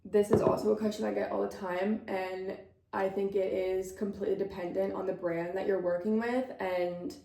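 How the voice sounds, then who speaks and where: A woman's voice: medium pitch, little pitch movement, normal speed, gravelly, dark tone, a little hiss or hum. A young woman in her twenties, a model answering viewer questions in a bubbly, chatty way, laughing often and a little out of breath. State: slightly out of breath. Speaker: model and vlogger. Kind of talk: casual Q&A chat to camera. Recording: roomy echo.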